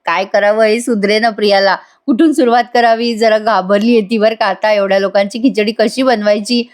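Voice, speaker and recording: A woman's voice: medium pitch, fairly even intonation, brisk. A woman with a Marathi accent recapping a TV serial episode in a chatty voice-over, often laughing and talking to her viewers. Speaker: serial reviewer.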